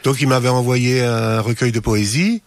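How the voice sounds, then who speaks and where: A man's voice: mid-range voice, normal speed. A French man, a singer-songwriter, talking modestly about his songs as a guest in a radio studio interview. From France.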